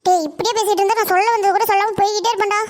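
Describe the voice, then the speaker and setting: A woman voicing a sharp-tongued young village woman in a cartoon, snappy and exasperated. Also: extremely high pitch, fairly even intonation, very fast. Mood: annoyed. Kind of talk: Tamil cartoon voice acting.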